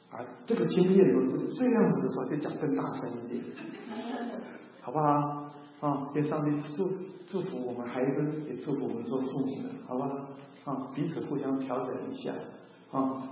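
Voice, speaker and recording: A male pastor in his sixties gives a chatty sermon and keeps checking in with his listeners. His voice booms through a large, reverberant hall with a long echo tail, and the recording sounds a little dull. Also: slight background noise. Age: 60s. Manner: conversational, keeps asking the congregation questions, mixes in English phrases.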